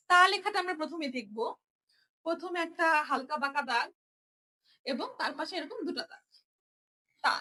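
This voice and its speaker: A young woman whose voice is very high and bright leads a step-by-step writing lesson as a Japanese language teacher. She speaks patiently, repeating every sound so learners can keep up.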